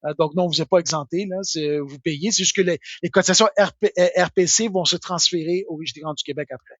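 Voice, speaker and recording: A man's voice: on the high side, fast talker, a bit bright, dry recording, dull audio. A man with a Québécois French accent answering tax questions live, informal and full of fillers.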